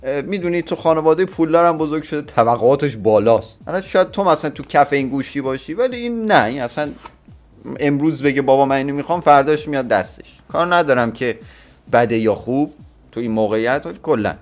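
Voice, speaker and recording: A man's voice: mid-range voice, lively intonation. A man in his twenties from Iran giving blunt, opinionated reaction commentary with crude slang. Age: 20s. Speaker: YouTuber reacting to a clip.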